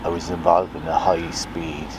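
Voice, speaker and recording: A man's voice: low-pitched, flat delivery, moderate pace, background noise. A middle-aged Irish man, a retired butcher, telling his story in an interview, hesitant and reflective with many fillers. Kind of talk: personal testimony interview.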